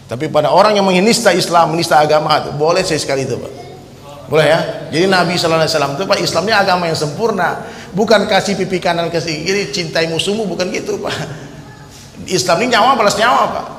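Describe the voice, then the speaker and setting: Male preacher, high voice, booming, long hall reverb; swings quiet to shouting. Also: fast talker. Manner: forceful, swings from low asides to loud shouted exhortations. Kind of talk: fiery Islamic sermon. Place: large hall with crowd. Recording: echoey hall with crowd noise.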